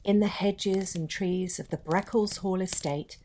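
A woman narrates a ghost story in a low, unhurried voice. She draws out each line with measured drama, a fireside storyteller setting a spooky scene for listeners. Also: fairly even intonation, dark tone, a little hiss or hum. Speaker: podcast co-host and storyteller.

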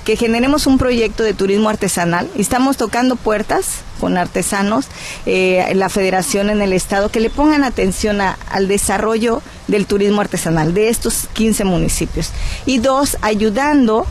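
A Mexican woman speaks as a guest on a radio interview, in a voice of medium pitch. She presses her points earnestly and persuasively, and pauses often on "eh" while she finds her words. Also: darkish tone, slight background noise. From Guerrero, Mexico. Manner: earnest and persuasive, with frequent "eh" hesitations. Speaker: cultural advocate, interview guest.

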